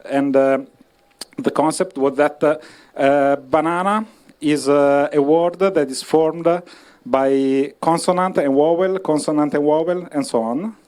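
A man with an Italian accent giving an informal short talk in halting, broken phrases with frequent pauses. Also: a little high, a little mellow. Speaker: speaker presenting his project. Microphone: stage microphone.

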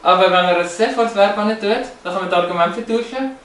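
Man, fairly high voice, many fillers and restarts, lecture talk. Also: fast, fairly bright tone. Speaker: presenter. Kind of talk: explanatory slide talk. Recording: roomy, echoey, from a distance.

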